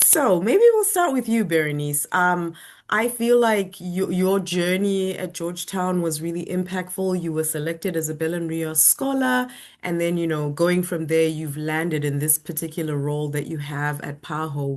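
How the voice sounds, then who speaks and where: A woman hosting and moderating an online webinar, speaking in a friendly, measured way with some fillers. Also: deep voice. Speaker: webinar host.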